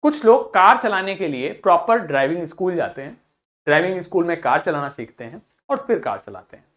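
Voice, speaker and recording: This man teaches English through a video lesson delivered in Hindi. His voice sits a little high and a bit bright, with big swings in pitch, and he answers his own questions while repeating sample words slowly.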